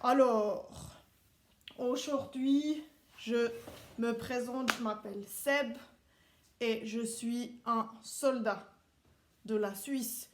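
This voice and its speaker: A man's voice: very high-pitched, steady tone, extremely slow, pauses often, a little hiss or hum, heavily acted. A man playing a barking Swiss drill soldier. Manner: barking commands, clipped and precise. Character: strict male Swiss soldier drilling children. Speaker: stand-in teacher. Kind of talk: playful classroom role-play. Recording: roomy echo.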